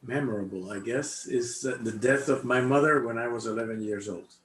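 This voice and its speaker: Speaking from an echoey indoor room on an online video call, an older male congregation member from Cuba recalls things in a relaxed personal interview. His pitch sits in the middle, his delivery is hesitant and chatty, and a faint hum of background noise lingers.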